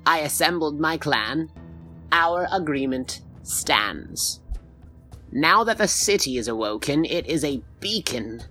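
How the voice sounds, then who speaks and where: A storyteller voicing an elderly merfolk woman elder, sly, calm and wise, who speaks in a slow, measured way. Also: medium pitch, faint music behind, full character voice.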